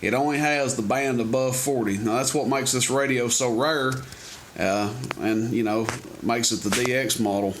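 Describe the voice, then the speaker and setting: Speaking at medium pitch and a moderate pace, a man demos and sells CB radios in a casual, folksy, rambling way, like a seller showing off his gear. It's an unscripted pitch captured on a noisy amateur camera, with clicks audible.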